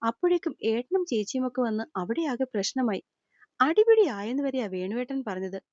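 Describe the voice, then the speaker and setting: A woman voicing an older man, a gentle worried father figure, softly consoling and explaining in an audio storybook. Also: on the high side, very animated, brisk, no echo. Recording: slightly dull lo-fi recording.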